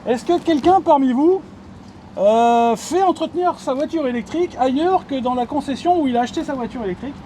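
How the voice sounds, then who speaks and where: A chatty man explains things to a colleague in an easygoing, filler-heavy way. His voice sits high for a man. He is recorded outdoors beside a car. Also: a little fast, dark tone, a little hiss or hum. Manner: chatty, many fillers, asks viewers questions. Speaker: channel host explaining electric cars. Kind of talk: casual explanatory chat.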